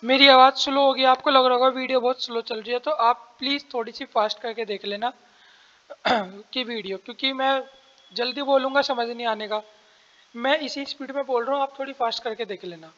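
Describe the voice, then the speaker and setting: A man teaching an exam-prep lesson, explaining step by step, asking and answering his own questions and clearing his throat often. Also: very high-pitched, steady tone, moderate pace, bright, forceful tone, long reverb tail, lo-fi sound.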